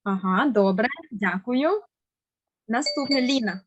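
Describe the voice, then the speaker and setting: A woman teacher with a slightly raised pitch takes children through a lesson over a video call. She speaks patiently and warmly encourages each pupil. She lands every stressed syllable slowly and deliberately. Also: animated, breathy edge, dull audio. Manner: slow, careful stressing of words. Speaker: Ukrainian language teacher. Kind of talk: online language lesson for children.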